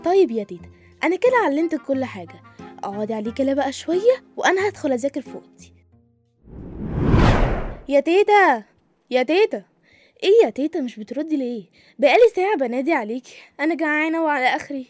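A teasing Egyptian granddaughter. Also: female voice, high-pitched, animated, rapid-fire, a little mellow, soft background music. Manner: coaxing, teasing, patient. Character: cheeky young granddaughter.

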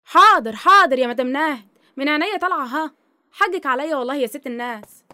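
Talkative housemaid, very fast, high voice. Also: female voice, lively intonation, pushed and bright, no room sound, studio quality. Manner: fawning, talkative, very quick. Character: eager, chatty female housemaid.

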